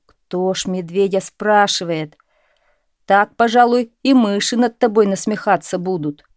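Woman narrator voicing a patient old father in a storybook tale, slow, mildly reproachful. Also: medium pitch, dry recording, clean studio sound, close to an everyday voice. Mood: chiding. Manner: calm, plain, gently chiding.

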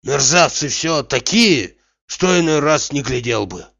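A man voicing a lazy, stubborn old male servant who grumbles slowly. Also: a little high, lively intonation, vocal fry, a bit bright, heavily acted. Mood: grumbling. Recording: dull, dry recording.

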